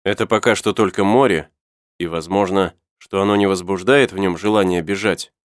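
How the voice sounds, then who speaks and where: A man's voice: low voice, steady tone, moderate pace, no room sound, studio quality, natural voice. Storybook journalist, thoughtful and inquiring, read by a man. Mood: questioning.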